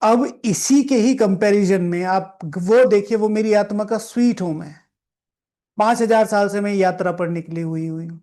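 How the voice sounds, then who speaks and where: A man's voice: high-pitched, normal speed, dark tone. A man who is a spiritual teacher, explaining a scripture reading. He repeats key phrases for emphasis, drops English words into his talk and guides listeners in reflection. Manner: mixes English words into Hindi; reflective, guiding listeners through meditation.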